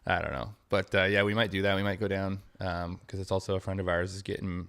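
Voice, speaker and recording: A man's voice: low-pitched, fairly even intonation, fast, fairly bright tone. Rambling man talking hoops. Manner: rambling, many fillers and restarts, laughs often. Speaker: podcast co-host. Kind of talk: casual sports chat.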